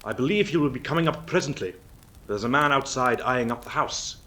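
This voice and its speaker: An actor playing a brisk, confident detective in an audio drama. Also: male voice, medium pitch, close to an everyday voice. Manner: commanding, animated, confident. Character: brisk eager male detective.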